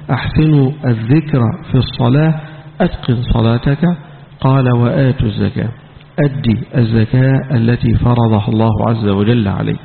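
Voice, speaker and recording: A man's voice: medium pitch, gravelly. A man with an Egyptian Arabic accent, a sheikh teaching Quran commentary in a mosque, who moves from formal preaching to scolding colloquial asides. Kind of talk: mosque lesson on scripture. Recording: tinny phone-like recording in echoey hall.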